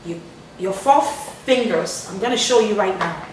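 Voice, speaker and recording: A woman talks in an earnest, emphatic way and lets some humor slip in. Her voice sits in a middling register. It comes through a distant mic in a very echoey room, with clear background noise under it. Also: mid-range voice, a little slow. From Ghana. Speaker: charity founder and cancer survivor. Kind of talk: live radio interview.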